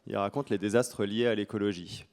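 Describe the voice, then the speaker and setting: A man's voice: fairly low pitch, fairly even intonation, brisk, darkish tone. A man with a French accent giving an informal conference presentation in a colloquial, joking, self-deprecating manner. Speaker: conference speaker.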